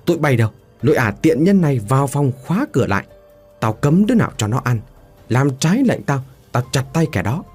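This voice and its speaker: A man's voice: lowish voice, lively intonation, normal speed, a little mellow, faint music behind, lightly acted. A man playing a cruel, violent husband who barks threats in an audio story. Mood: furious. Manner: harsh, threatening.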